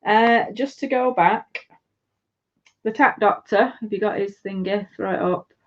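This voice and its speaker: A woman's voice: medium pitch, unhurried. A woman from England co-hosting a casual live stream, giggly and easygoing. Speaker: co-host. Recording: dull lo-fi stream audio.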